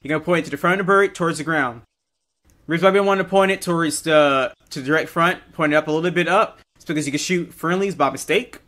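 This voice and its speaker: A man's voice: fairly high pitch, fast, bright, forceful tone. A man instructing trainees in a military roleplay game, directing and correcting them as he briefs. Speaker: military-sim drill instructor.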